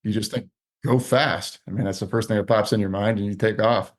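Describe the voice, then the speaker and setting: A low-voiced co-host talks fast and tells short, wry stories about his own running. He keeps the chat casual. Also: fairly even intonation. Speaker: podcast co-host.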